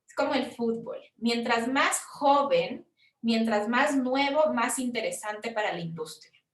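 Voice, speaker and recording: A Chilean woman, a film producer, explaining funding forms in a frank, conversational workshop talk with quick asides. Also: on the high side, roomy sound, far from the mic. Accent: Chilean Spanish.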